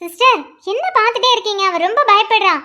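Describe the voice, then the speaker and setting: A woman's voice: extremely high pitch, pushed and bright. A woman doing a bossy, impatient young woman. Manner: brisk, scolding orders.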